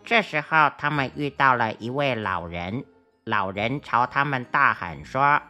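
Low-voiced, bright woman storyteller. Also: animated, measured pace, soft background music. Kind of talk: children's story narration.

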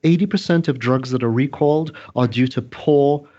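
A man as a podcast guest, speaking at a middle pitch and laying out his points earnestly, stressing and restating each one. His audio sounds a little muffled and lo-fi. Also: moderate pace, warm tone. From Trinidad. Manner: earnest, emphatic, lecturing, repeats points. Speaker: scientist guest. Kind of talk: interview explanation. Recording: slightly dull lo-fi audio.

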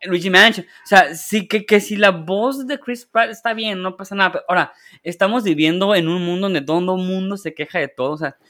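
Animated podcast co-host, a man, higher voice, bright, firing off rhetorical questions. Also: a little fast. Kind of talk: casual chat.

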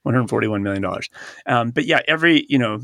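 An expressive, fast-talking man with a creaky, slightly bright mid-range voice co-hosts an accounting podcast in a studio. Slightly stuffed up from allergies, he chats casually, laughs often, and reads ads and quotes aloud, with studio-quality audio and no room sound.

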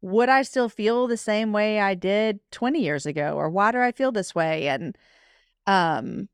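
Brief: forties woman, candid guest author, mid pitch, dry close mic. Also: clean tone, no room sound. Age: 40s. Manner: candid, emotional, quick self-talk asides. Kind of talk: casual interview chat.

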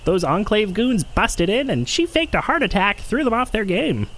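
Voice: medium pitch, big pitch swings, normal speed, a bit bright. An actor playing a chatty, irreverent tech worker who recounts trouble in a loose, profane way. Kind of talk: audio drama acting.

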